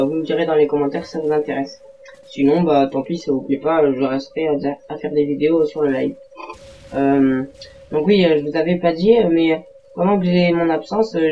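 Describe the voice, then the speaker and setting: Over gameplay footage, a man who makes gaming videos talks casually in a slightly high, dark-toned voice, with a little hiss or hum on the track. His commentary rambles and hesitates, packed with fillers and self-corrections, and the home recording sounds dull and lo-fi.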